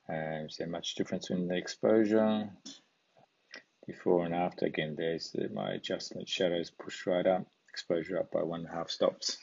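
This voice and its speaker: A man hosting a photography channel, walking through his photo edits on screen in a relaxed, thinking-aloud way, with plenty of fillers. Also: low-pitched, gravelly, husky. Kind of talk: casual screen-share walkthrough. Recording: dull lo-fi recording.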